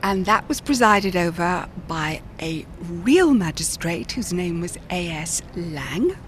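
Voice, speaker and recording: A woman's voice: lowish voice, lively intonation, slow. A woman guides a walking tour, explaining history with knowing, wry asides. She talks outside on a street, with traffic faintly passing behind. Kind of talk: casual on-site explanation. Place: outdoors on a city street.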